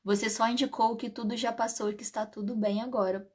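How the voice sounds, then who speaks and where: A Brazilian integrative therapist and pharmacist chats casually with live-stream viewers, making frequent asides. Her voice is slightly hoarse and a little high, holding a steady tone at a fairly quick pace.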